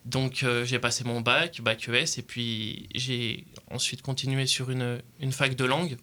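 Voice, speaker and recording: A young man with a bright, crisp tone speaks in an even, nearly flat line. He is an interview guest describing his own path, pausing on fillers often. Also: medium pitch. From Portugal. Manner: hesitant, many fillers. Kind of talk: studio interview.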